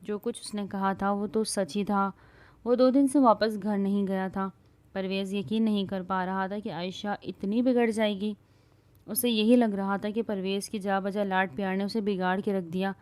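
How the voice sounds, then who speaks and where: A woman reading a romantic novel aloud as a storyteller, voicing all the parts in one steady narrating voice. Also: mid-range voice, no room sound.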